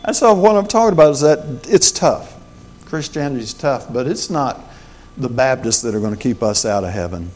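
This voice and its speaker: A man's voice: medium pitch, animated, normal speed, darkish tone. Folksy older man preaching. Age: 60s. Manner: folksy, conversational, joking asides. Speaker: pastor. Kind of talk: sermon.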